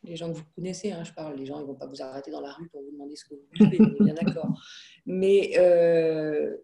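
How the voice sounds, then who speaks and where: A woman in her thirties chatting casually, telling lively anecdotes and acting out what people said. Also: sits low, fast, creaky. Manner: lively anecdotes, animated quoting. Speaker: network marketing distributor. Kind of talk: casual talk to camera.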